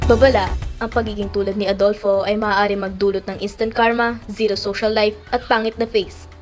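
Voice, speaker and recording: A woman's voice: medium pitch, level tone, brisk, soft background music. A woman announcing a parody radio show commercial in a peppy, tongue-in-cheek manner.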